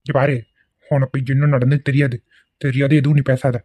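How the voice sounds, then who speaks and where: A man's voice: medium pitch, flat delivery, brisk, darkish tone, no echo, close to an everyday voice. A man voicing an arrogant, threatening middle-aged son who quarrels with his mother in a cartoon. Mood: angry. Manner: harsh, threatening. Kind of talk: cartoon voice acting.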